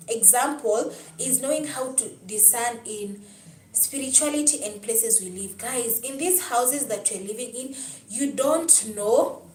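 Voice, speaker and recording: A young Kenyan woman with a Kenyan accent hosts a casual livestream, chatting with viewers, reading their comments aloud, answering them, and telling a personal story. Her voice is on the high side and a little mellow. The audio is poor, with an echoey room and the mic far away.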